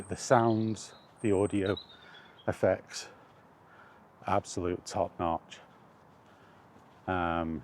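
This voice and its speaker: Out on a walk, this man records a vlog and chats in a meandering, hesitant way, often fixing what he just said. His voice is deep and a little mellow, with slight noise behind it.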